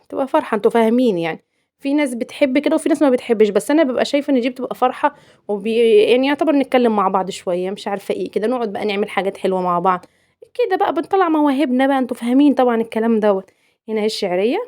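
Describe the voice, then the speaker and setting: Warm and medium-pitched, this young Egyptian cooking vlogger speaks with an Egyptian Arabic accent as she voices over her home cooking video. She keeps it chatty, playful and teasing, saying words twice to stress them.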